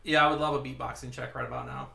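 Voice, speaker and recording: A man's voice: mid-range voice, flat delivery, very fast, creaky, bright, forceful tone, echoey room. A man narrating as game master of a tabletop game in a loose, joking way. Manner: loose, joking, full of fillers and restarts.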